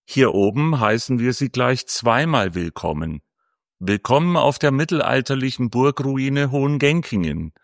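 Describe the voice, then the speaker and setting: A man's voice: mid-range voice, lively intonation, moderate pace, creaky, no room sound, clean studio sound. A man narrating a scripted audio guide in a formal, welcoming manner.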